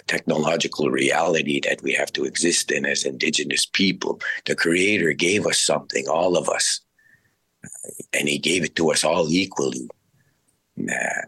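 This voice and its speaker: A man giving reflective interview talk in a halting, deliberate way with many pauses. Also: rumbling low, pushed and bright, husky. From Canada, Saddle Lake Cree Nation. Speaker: interview guest, musician and language speaker.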